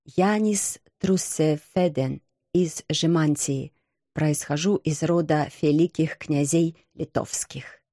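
A timid, gloomy young knight, as a woman reader voices him in a storybook. He speaks low, quiet and hesitant, in a sad, dark, mellow tone with a dry sound. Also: big pitch swings, takes it slowly, dry recording, full character voice. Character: timid, gloomy, thin stooped male knight.

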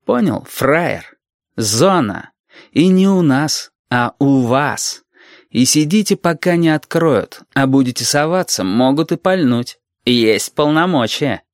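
A man doing a gruff menacing army captain. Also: mid-range voice, very animated, dry recording, studio quality, pitched above the performer's own voice. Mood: slow menacing. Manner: slow, insinuating, contemptuous.

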